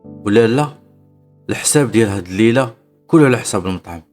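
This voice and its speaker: Narrator playing a smooth older businessman, Moroccan accent, gentle polite tone, low voice. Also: animated, fast talker, faint music behind, lightly acted. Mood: courteous. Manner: soft, polite speech. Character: wealthy older male restaurant owner, calm and courteous.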